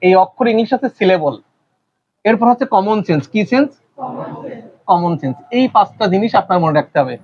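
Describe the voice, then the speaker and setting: Male teacher, high-pitched, quizzing a classroom, muffled lo-fi recording. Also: sing-song, slightly rough. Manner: quizzing the class with rapid questions. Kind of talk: classroom lecture.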